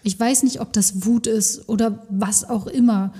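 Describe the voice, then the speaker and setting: Husky-voiced woman in earnest podcast talk. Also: on the high side, steady tone, a little slow, mellow, long reverb tail. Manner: earnest, imagines herself in a child's place. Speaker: podcast co-host. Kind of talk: casual podcast conversation.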